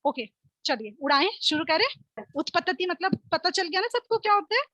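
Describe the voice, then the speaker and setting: A woman's voice: very high voice, sing-song, bright, forceful tone, dry recording, lo-fi sound. Woman teacher on a video call running a word game, playful and encouraging, dry close sound. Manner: playful, encouraging, drills words slowly and clearly. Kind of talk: online class word game.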